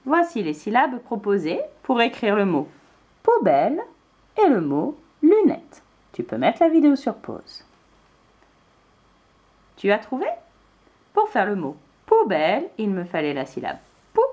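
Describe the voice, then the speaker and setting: A woman's voice: mid-range voice, huge pitch swings, darkish tone. A woman teacher giving a spelling lesson to young children, spelling words out letter by letter. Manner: slow, clearly spelled out letter by letter.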